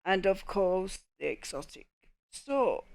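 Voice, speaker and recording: Woman, Cockney accent, very gravelly vocal fry, unhurried pace, dry close sound, gaming guide narration. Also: medium pitch, sing-song, no echo. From England. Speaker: gaming video host. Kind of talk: casual scripted game guide narration.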